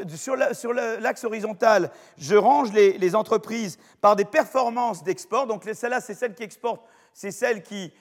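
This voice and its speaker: Older French man lecturing in a hall. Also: high voice. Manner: chatty, digressive, many fillers and restarts. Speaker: professor lecturing. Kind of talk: university lecture. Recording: long reverb of a lecture hall.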